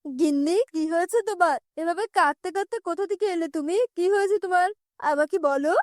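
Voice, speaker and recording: A woman voicing a gentle village husband in a cartoon, speaking in a soothing, concerned way. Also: very high-pitched, fast talker, no echo, clean studio sound.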